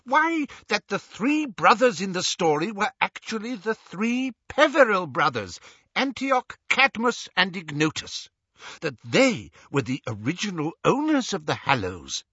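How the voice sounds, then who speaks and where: An excitable, pedantic old wizard , as voiced by a male narrator, lectures in a raised, wildly swooping voice. The tone is bright but husky. The audio is dry and a little dull. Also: sits high, measured pace, no room sound, voice pushed up, heavily acted.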